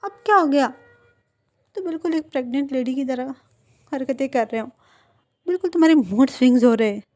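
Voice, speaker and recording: Girl reading as a doting young guy, coaxing and patient, slightly high mellow voice. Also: normal speed, no echo, natural voice. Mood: exasperated. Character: doting, teasing young man lover.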